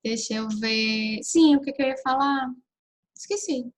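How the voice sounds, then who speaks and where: A woman's voice: high-pitched, unhurried. A woman hosting a casual live stream, chatting and giving parenting advice straight to her viewers. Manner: chatty and advice-giving, often addresses listeners directly. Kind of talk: casual live chat answering viewer questions.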